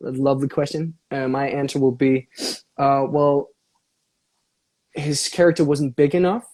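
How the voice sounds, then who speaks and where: Actor, mellow dark tone, playful rambling live-stream banter. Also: male voice, medium pitch, flat delivery, a little slow. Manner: playful, rambling, often laughing. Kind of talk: casual joking chat.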